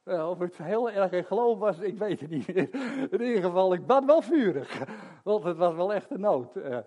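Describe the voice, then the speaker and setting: A man's voice: high voice, expressive, normal speed, mellow. An older man preaching a sermon and telling stories between chuckles. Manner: chatty storytelling with chuckles.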